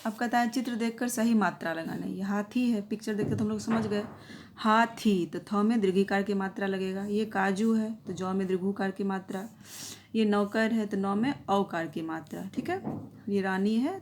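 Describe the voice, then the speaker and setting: A woman's voice: mid-range voice, slight background noise. A young woman teacher explaining a grammar lesson to young children, patiently checking in with tag phrases.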